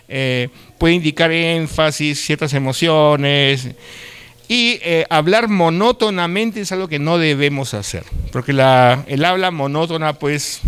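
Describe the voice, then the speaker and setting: A man's voice: fairly high pitch, fairly bright tone, clean tone. Lima-accented man lecturing a class. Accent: Lima Peruvian Spanish. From Peru. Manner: conversational, asks the class frequent tag questions; occasional stutters and restarts. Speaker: university lecturer.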